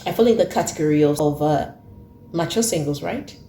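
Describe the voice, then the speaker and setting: Talking casually to camera, a female host in her thirties makes earnest points and repeats them for emphasis. She speaks a little fast in a low, warm voice, and the sound is roomy with slight background noise.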